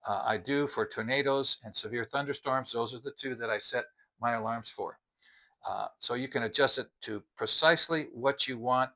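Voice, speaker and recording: At normal speed, a mature man discusses a product in a relaxed review style, explaining each point plainly and in order. His voice is bright and forward, at an average pitch for a man.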